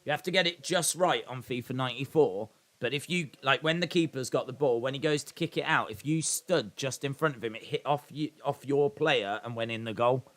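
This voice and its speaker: An Englishman in his thirties hosts a casual live watch-along stream, his mid-range voice fairly quick and a bit bright with few pauses. He chats and rambles, reading out viewer comments and adding self-deprecating asides.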